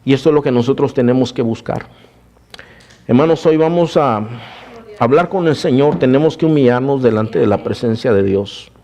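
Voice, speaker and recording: A man, a pastor, preaching a sermon and telling his own testimony, calling the listeners "brothers", moving between raised preaching and hushed storytelling. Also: mid-range voice, moderate pace.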